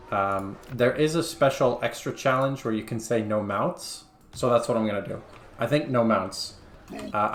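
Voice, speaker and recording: Guy doing casual game commentary, mid pitch, lots of ums, roomy echoey sound. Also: slight background noise. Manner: chatty, thinks aloud with fillers and self-corrections. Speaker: gaming video host.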